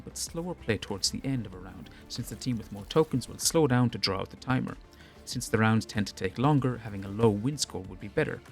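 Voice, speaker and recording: A man reading a scripted, measured commentary on game balance for a gaming video. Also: medium pitch. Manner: measured, explanatory.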